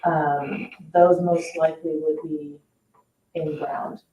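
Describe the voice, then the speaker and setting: A low-pitched woman with a mellow, flat delivery speaks slowly as a parks staff member at a public board meeting. Her explanations are informal and a bit hedged. The echoey indoor room comes through a distant, dull mic with a little hiss or hum.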